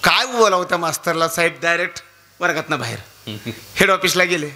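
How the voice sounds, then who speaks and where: A man from Maharashtra delivering a humorous devotional sermon, telling a story and leaping up in pitch to act out the people in it. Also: a little fast, slight background noise. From Maharashtra, India. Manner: animated, jumps to high pitch for quoted characters. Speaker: kirtan preacher.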